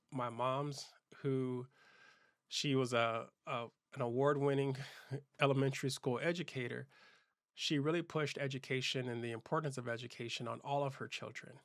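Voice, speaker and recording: Male channel host, personal monologue, earnest and reflective, dry close sound, average pitch. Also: gravelly, a bit bright, dry recording. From Southern California. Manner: earnest, reflective, with frequent restarts. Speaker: keynote speaker and channel host.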